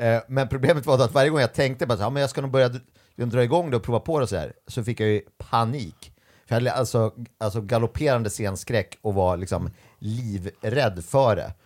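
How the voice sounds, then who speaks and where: A man's voice: medium pitch, darkish tone. A young adult man, a stand-up comedian being interviewed, tells stories in a casual way and acts out the voices he quotes. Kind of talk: casual storytelling chat.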